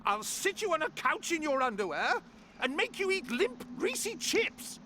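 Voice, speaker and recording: An actor voicing a vengeful, theatrically menacing undead zombie in a video game, taunting and threatening in drawn-out phrases. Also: high-pitched, sing-song, pushed and bright, slight background noise, exaggerated voice. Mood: gleefully menacing. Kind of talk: video game character acting. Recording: music behind the voice.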